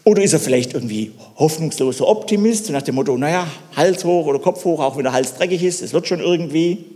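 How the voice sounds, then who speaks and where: A man preaching a sermon, telling a story and putting questions to the listeners, moving between loud and hushed delivery. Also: a little high, fast, long reverb tail.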